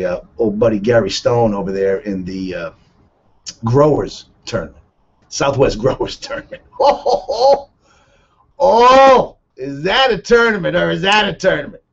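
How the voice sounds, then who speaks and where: A man hosting a radio talk show, telling rambling stories in a casual, excitable way. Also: mid-range voice, breathy edge, dull audio. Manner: rambling, excitable, chuckling storyteller. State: a little out of breath.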